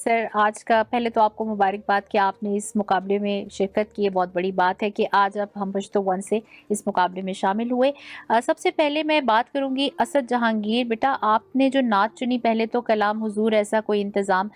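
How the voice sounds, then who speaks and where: A woman's voice: mid-range voice, fairly even intonation, dry recording. A woman judging a naat recitation contest, giving direct critiques and sprinkling English words into her Urdu. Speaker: naat competition judge. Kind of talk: judging feedback.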